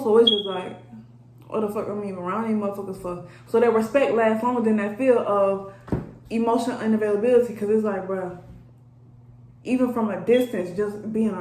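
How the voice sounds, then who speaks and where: A woman's voice: medium pitch, darkish tone. A woman giving a casual tarot reading to her viewers, blunt, profane and chatty as she talks straight at them. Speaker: energy reader. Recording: roomy echo, faint background noise.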